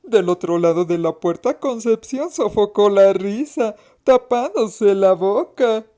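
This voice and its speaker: A woman narrating a mystery story in a slow, expressive, suspenseful reading. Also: mid-range voice.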